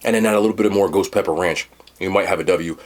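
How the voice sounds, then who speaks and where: A man's voice: sits low, very fast. A man giving a casual, unscripted food and movie review, rambling and blunt, with slangy phrasing and casual swearing.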